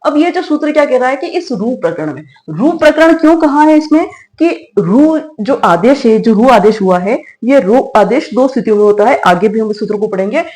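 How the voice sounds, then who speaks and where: A middle-aged woman teaches a grammar class in a fairly high voice. She moves patiently from point to point, puts questions to her students and answers them herself. Short check-ins punctuate her explanations. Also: expressive, a little fast, few pauses, a little mellow, rough recording. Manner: explains step by step with rhetorical questions, frequent "theek hai". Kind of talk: classroom lecture.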